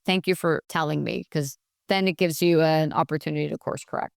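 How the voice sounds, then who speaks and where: A woman speaking as a podcast guest expert, passionate and animated, acting out quoted dialogue as she gives advice. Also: sits low, fairly quick, creaky, no room sound, clean studio sound. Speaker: guest expert on workplace bullying. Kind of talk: podcast conversation, advice-giving.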